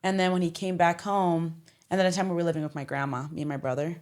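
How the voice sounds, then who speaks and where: A woman's voice: lowish voice, fairly even intonation, fast, a little mellow. A young woman from Liberia, a podcast guest, telling her childhood story in a casual interview with many fillers.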